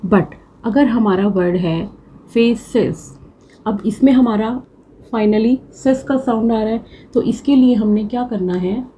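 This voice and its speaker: A woman's voice: a little high, mellow, a little hiss or hum, rough recording. A woman teaching a shorthand class, patiently repeating each word to drill it. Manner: patient, repeats words slowly to drill them. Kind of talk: slow classroom explanation.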